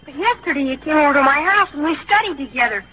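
High-voiced awkward young schoolboy, played by a woman. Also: animated, fast talker. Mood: bashful. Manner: hesitant, stammering. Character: earnest, awkward, naive young teenage schoolboy. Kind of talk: old-time radio comedy acting. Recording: dull lo-fi old radio recording.

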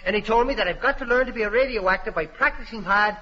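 High bright eager young wannabe actor, hammy old radio comedy. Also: male voice, fast talker. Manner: earnest, overdramatic when reciting. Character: eager, naive young man who wants to be an actor. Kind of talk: 1940s radio comedy acting. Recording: muffled old radio recording.

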